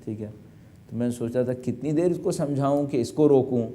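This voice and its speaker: A man's voice: medium pitch, warm tone, a little hiss or hum. A middle-aged male cleric preaching an emphatic sermon, full of rhetorical questions. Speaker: cleric delivering a majlis.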